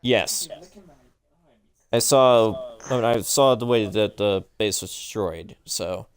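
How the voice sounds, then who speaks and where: A man's voice: lowish voice, slow. A man chatting casually as he plays a video game, explaining how things work in an informal way. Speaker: gamer playing online matches. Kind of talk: casual gaming chat, explaining game mechanics. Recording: music playing behind the voice. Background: music.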